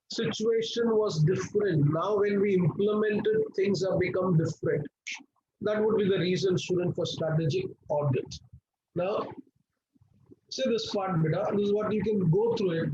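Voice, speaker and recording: A man with an Indian accent teaches a live online class in a high, slightly mellow voice at a moderate pace. He coaxes students to pay attention, checks that they're following, asks questions and answers them himself, and sometimes drops into Hindi. The sound is lo-fi with slight background noise.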